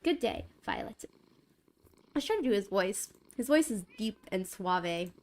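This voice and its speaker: A young adult woman with a very animated, mid-range voice talks a little slowly during a casual live stream from her home gaming setup. Speaking into a desk mic, she giggles, rambles, and repeats herself often.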